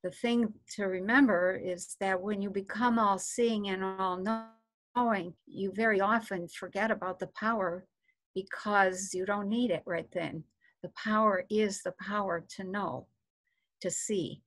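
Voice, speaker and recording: A woman teacher answering a question in an online class, speaking haltingly with many pauses and fillers, her voice strained and hoarse from teaching all weekend. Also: mid-range voice, fairly even intonation, a bit bright. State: losing her voice, clearing throat. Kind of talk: casual spoken teaching.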